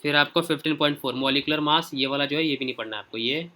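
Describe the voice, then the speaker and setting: A man's voice: fairly high pitch, quick pace, sharp tone. A man teaching a class online, talking informally and directly to his students while going through pages and checking in often. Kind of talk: casual screen-share lesson.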